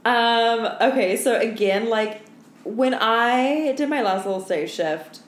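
A young woman co-hosts a podcast, telling stories in a casual, candid, sweary chat and saying "like" a lot. Her voice is fairly high and slow. The recording has a roomy echo and faint background noise.

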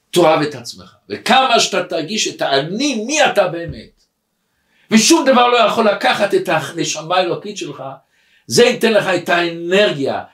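A rabbi with a high voice gives a weekly Torah lesson, telling a story with lively, swooping pitch. He acts out each person as he goes. The voice rings in a roomy, echoing hall. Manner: animated storyteller who acts out the people in his story.

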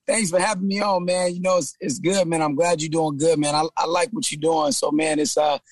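A man from San Jose, a trainer and former football player, telling his story as a guest in a relaxed interview, with frequent "man" and repeated words. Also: fairly high pitch, brisk, dry recording. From San Jose, California. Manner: laid-back, says "man" often, repeats himself. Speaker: guest, trainer and gym owner. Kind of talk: casual interview chat.

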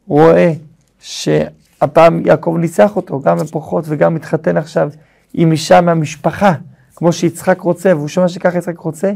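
A rabbi with a high, gravelly voice. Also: male voice. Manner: lively storytelling with explanations. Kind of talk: Torah lesson.

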